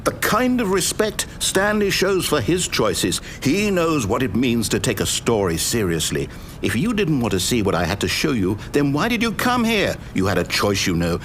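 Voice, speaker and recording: An actor voicing a game's male narrator in measured scripted narration, turning from indignant to pleading. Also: on the high side, fairly bright tone, echoey room, a little hiss or hum. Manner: indignant then pleading, measured storyteller delivery. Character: wry, needy male storybook narrator voice. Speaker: game narrator.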